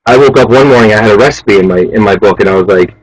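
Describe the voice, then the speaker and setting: A man in his thirties, a chef interviewed as a guest, talking casually and urging people on in a fast, animated way. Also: fairly low pitch, low-quality recording. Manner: fast, animated, motivational, says "man" a lot.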